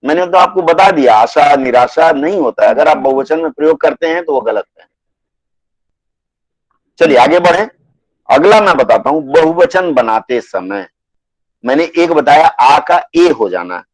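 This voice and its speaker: A man teaching a Hindi grammar class online, patiently repeating rules and dictating word lists slowly. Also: fairly high pitch, animated, dry recording, low-quality recording.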